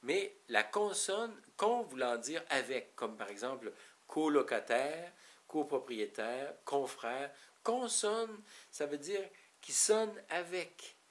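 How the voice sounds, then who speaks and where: A man's voice: mid-range voice, animated, takes it slowly. A man with a Québécois French accent giving an informal, rambling talk to parents, explaining step by step with frequent restarts. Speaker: parenting educator.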